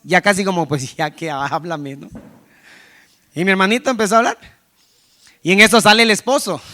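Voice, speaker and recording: Preacher guy, high voice, tells stories and does the voices, lots of restarts. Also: bright, forceful tone. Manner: storytelling, acts out quoted voices, frequent restarts. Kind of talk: sermon testimony.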